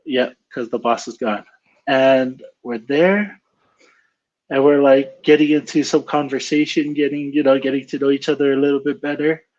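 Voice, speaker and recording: A man of middle pitch tells a story in a relaxed, casual way. He plays out his own reactions in animated quoted lines. The sound is a bit dull and lo-fi. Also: normal speed.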